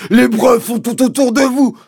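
A shrill, furious pompous landowner. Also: male voice, moderate pace, gravelly, husky, dry recording, studio quality, heavily acted. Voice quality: shrill, shouting.

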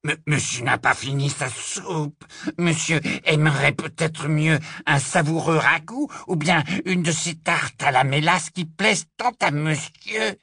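A man's voice: fairly high pitch, measured pace, creaky, bright, forceful tone, slightly rough, no room sound, clean studio sound, pitched above the performer's own voice, exaggerated voice. A man voicing a servile, fawning old house-elf. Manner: obsequious, wheedling.

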